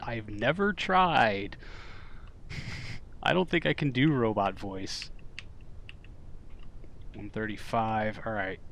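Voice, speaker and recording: Male game streamer, gravelly, casual commentary, swears and shouts at mishaps. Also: lowish voice, slight background noise.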